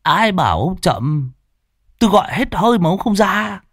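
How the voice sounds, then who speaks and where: A man's voice: high-pitched, big pitch swings, normal speed, no room sound, studio quality, voice pushed up, full character voice. A man voicing a drunk, pushy young gambler who hollers with a slurred voice. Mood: drunken calling.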